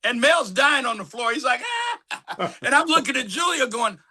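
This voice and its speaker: Bright, high-voiced man telling stories. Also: brisk, slightly rough. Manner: animated anecdotes, acts out quotes, laughs often. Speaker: actor guest. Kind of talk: casual storytelling.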